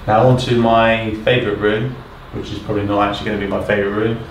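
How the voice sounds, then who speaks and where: A man's voice: fairly low pitch, level tone, quick pace, background noise. A man in his thirties from the UK, casually walking through an empty house he is renovating and thinking aloud with lots of ums. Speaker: property renovator. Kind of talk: casual walkthrough vlog. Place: empty house, bare indoor rooms. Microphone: camera mic at a distance. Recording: echoey empty rooms, slightly distant mic.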